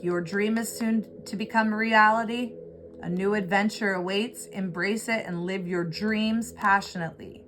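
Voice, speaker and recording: A woman giving an earnest, reflective tarot reading, pausing often with fillers, over a music bed. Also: mid-range voice. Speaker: tarot reader. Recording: clear music bed behind voice. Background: background music.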